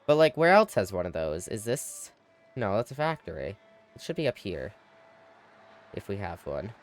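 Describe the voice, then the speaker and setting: A man's voice: fairly low pitch, very animated, normal speed, soft background music. Chatty male game streamer thinking aloud. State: yawning, tired. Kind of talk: casual live gameplay commentary.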